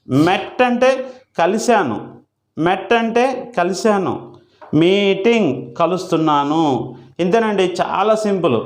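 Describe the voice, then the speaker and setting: A man teaching spoken English, slowly drilling each verb form with patient, repeated explanations and everyday examples. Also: high voice. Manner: slow repetitive drilling of verb forms. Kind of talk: Telugu-language English lesson.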